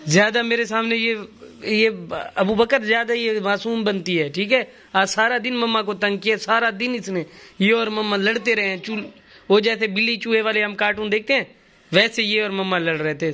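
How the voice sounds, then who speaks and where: A man's voice: sits high, steady tone, moderate pace. A man, a father and family vlogger, narrating casually and bantering in a teasing, joking way as he moves around outdoors. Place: outdoors on busy streets, moving about. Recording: loud street and vehicle noise.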